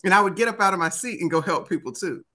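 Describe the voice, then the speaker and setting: Woman in her 50s w/ dc accent, low-ish pitch, really bright voice, telling stories in an interview. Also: fast. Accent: Washington DC. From United States, Washington DC area. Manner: acts out remembered dialogue. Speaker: interview guest, author and motivational speaker. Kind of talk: animated conversational storytelling.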